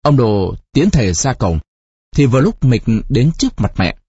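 A storyteller reading a novel aloud in an expressive, lively way. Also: medium pitch, normal speed, husky, no room sound, highs cut off.

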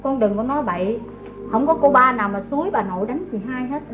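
A woman's voice: on the high side, quick pace, close to an everyday voice. A meek, long-suffering young mother, played by a woman. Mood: tender. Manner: meek and pleading, tender with the child. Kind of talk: radio drama acting. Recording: tinny, phone-like old recording with music.

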